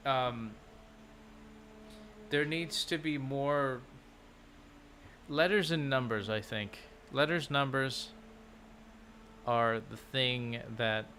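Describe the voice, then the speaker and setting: Slow-talking guy vlogging his lessons: halting, self-correcting, easygoing pitch, faint hiss behind. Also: bright, forceful tone. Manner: halting, thinks aloud with many restarts. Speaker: language-learning vlogger. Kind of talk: casual livestream chat while doing lessons.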